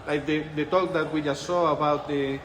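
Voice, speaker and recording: The man, a Spanish researcher in his forties being interviewed at a conference, gives thoughtful answers in accented English, frequently restarting what he's saying. His slightly high voice keeps fairly even intonation at a moderate pace. A little hiss or hum sits under the echoey, lightly ambient room sound.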